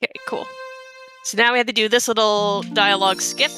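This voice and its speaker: A woman's voice: medium pitch, steady tone, a little fast, sharp tone, soft background music. A woman giving casual, chatty live commentary on her own game run, with playful asides.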